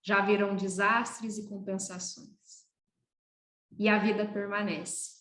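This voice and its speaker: A woman's voice: mid-range voice, level tone, slow pace, a bit bright. Earnest woman speaking in an echoey room. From Brazil. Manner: earnest, poetic and emphatic. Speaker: veterinarian guest. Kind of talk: reflective interview talk. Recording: roomy echoey sound.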